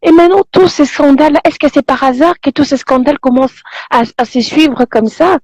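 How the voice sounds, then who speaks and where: A woman's voice: high-pitched, a little fast, a little mellow, no room sound. A woman from Congo, calling in by phone and rambling in a preachy way while laughing often. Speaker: caller. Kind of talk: phone-in commentary. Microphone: phone call.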